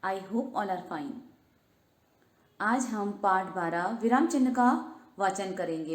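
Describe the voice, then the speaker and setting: Echoey-voiced woman teaching a lesson. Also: on the high side. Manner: slow, emphatic reading of examples with rhetorical questions. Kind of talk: grammar lesson reading and explaining.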